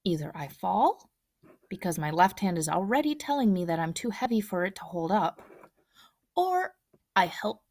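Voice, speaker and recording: Woman gently reading a picture book. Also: on the low side, lively intonation, brisk, dry recording, studio quality. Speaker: storybook reader.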